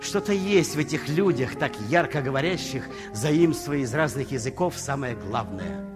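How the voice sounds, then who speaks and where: An older man, a comedian telling humorous anecdotes in an unhurried stage monologue. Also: mid-range voice, lively intonation, over music. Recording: reverberant hall.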